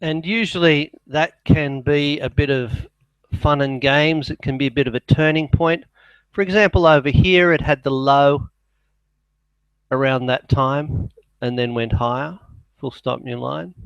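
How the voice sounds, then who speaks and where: A man's voice: a little high, fairly even intonation, unhurried, clean tone, no room sound, dull audio. A man dictating financial market commentary as an analyst, speaking his punctuation aloud and letting his voice drop on it. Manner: dictating, voice dropping on spoken punctuation.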